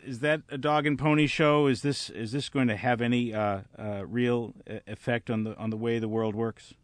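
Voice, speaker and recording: A male radio talk show host, speaking in a measured way, with occasional uh's and restarts. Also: mid-range voice, steady tone, no room sound. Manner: measured, hesitant with fillers.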